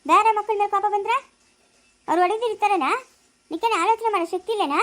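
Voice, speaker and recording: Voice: extremely high pitch, fast, sharp tone. A girl playing a village woman who scolds and guards a baby in a family skit. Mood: stern scolding. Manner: scolding, argumentative.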